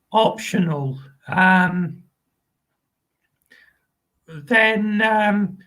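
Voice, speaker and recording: This is a channel host from England, speaking in a high-pitched, fairly bright voice. His live video chat is casual and halting, with lots of ums, restarts and repeated friendly phrases as he wanders from point to point.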